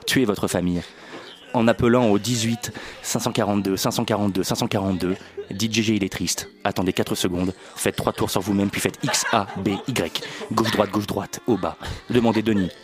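A man reading an absurd mock public service announcement in a flat, serious announcer's tone on student radio. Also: on the low side, moderate pace. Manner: deadpan mock-announcer delivery. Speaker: radio co-host.

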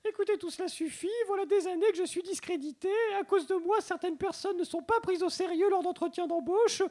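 A man's voice: very high-pitched, fairly quick, a little mellow, voice pushed up. A man voicing the Marseille accent as an indignant, pompous character, speaking with a Marseille accent. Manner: indignant, declaiming.

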